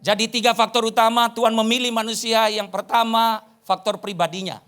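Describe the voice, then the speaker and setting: A man's voice: high voice, flat delivery, brisk, fairly bright tone, smooth. A man preaching a sermon as pastor at a church service, emphatic and often addressing the congregation directly.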